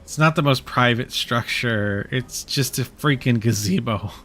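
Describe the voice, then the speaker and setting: A man's voice: mid-range voice, unhurried, bright, forceful tone, a little hiss or hum. A man streaming a game, reading its dialogue aloud and rambling with self-mocking jokes.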